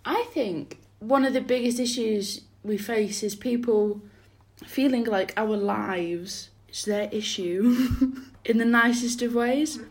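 A woman's voice: fairly high pitch, slow. A young woman, casually hosting a group discussion and giving her views. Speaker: discussion host. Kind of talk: casual chat.

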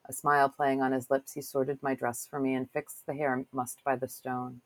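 A woman hosting a relaxed interview in a chatty, curious way. Her voice is low and her delivery is conversational. The sound is close and dry. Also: normal speed, no room sound, poor audio. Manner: chatty, curious, self-deprecating. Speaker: podcast host. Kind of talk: casual interview and reading an excerpt aloud.

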